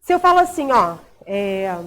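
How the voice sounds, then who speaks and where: A woman's voice: medium pitch, big pitch swings, moderate pace, a bit bright. A woman teacher with a Brazilian Portuguese accent, explaining a recorded grammar lesson and checking in often with short tag questions.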